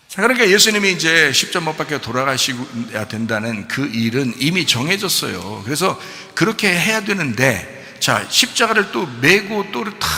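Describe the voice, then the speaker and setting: A male pastor delivers a sermon in a bright, sharp, slightly raised voice with a gravelly edge. He talks in an easy, conversational way and often turns to his listeners with rhetorical questions. His words ring out with the long reverb of a church hall. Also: mid-range voice.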